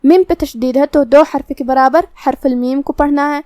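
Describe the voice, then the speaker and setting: A woman with a high voice gives a step-by-step lesson on the rules of recitation. She explains each rule calmly and in order, and draws out the recited verses slowly. The sound is dry and close. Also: no room sound. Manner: calm, methodical explanation, with slow drawn-out recitation of verses. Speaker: Quran recitation teacher.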